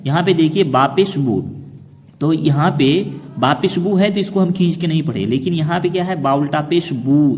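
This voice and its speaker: Man teaching slowly, echoing reverb. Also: a little high, darkish tone. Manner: asks questions and then answers them himself, slowing down to spell out syllables. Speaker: Quran reading teacher. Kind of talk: explaining a lesson to children.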